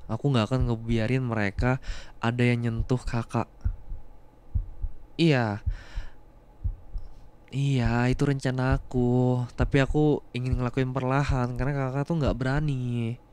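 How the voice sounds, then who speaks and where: A young man voicing a younger male student, a rough former bully who has become a protective boyfriend, in an ASMR role-play. He repeats short words again and again to coax and calm. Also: medium pitch, a little slow, long pauses, lightly acted. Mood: soothing. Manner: repeats words to soothe, coaxing and reassuring. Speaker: voice actor.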